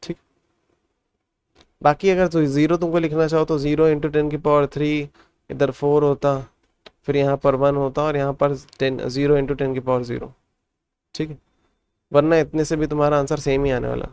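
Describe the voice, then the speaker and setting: A man's voice: on the high side, little pitch movement, moderate pace, long pauses, darkish tone, clear, resonant tone, dry recording. A man tutoring a math lesson step by step, counting digits aloud and explaining patiently.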